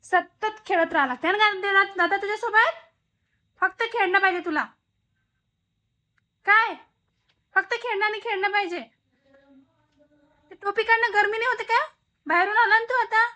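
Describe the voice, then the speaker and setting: A woman with a very high, bright voice talks casually at home for a family vlog. She coaxes and teases her small child in a playful sing-song, with lots of repetition. It sounds like an ordinary home kitchen. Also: normal speed, pauses often. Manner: coaxing, playful sing-song talk to a toddler. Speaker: mother.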